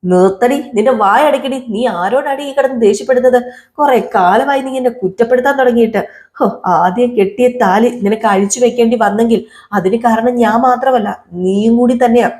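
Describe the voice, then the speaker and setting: A woman's voice: fairly high pitch, normal speed, a little mellow, pitched above the performer's own voice, natural voice. A woman voicing an angry middle-aged mother who scolds her daughter, repeats her accusations and dares her to strike. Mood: furious.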